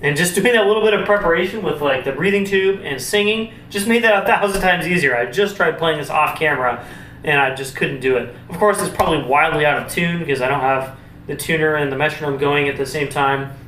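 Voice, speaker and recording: A man's voice: on the high side, brisk, sharp tone. A man giving a casual, explanatory music lesson to camera, informally thinking aloud as he instructs. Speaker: brass instrument teacher demonstrating warmup exercises. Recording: roomy, distant mic with faint noise.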